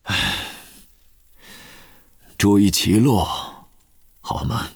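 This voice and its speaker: A man voicing a calm, gentle elderly headmaster wizard in an audiobook, soft and measured. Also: lowish voice, noisy background. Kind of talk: audiobook character voice.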